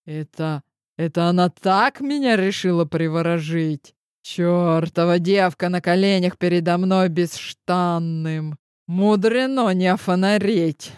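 A man narrating an audiobook in the first person, measured and dramatic. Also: high-pitched, clean tone, no room sound, clean studio sound.

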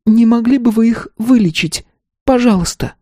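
A man voicing a naive, timid young woman in a hesitant, pleading falsetto. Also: normal speed, warm tone, no echo, clean studio sound.

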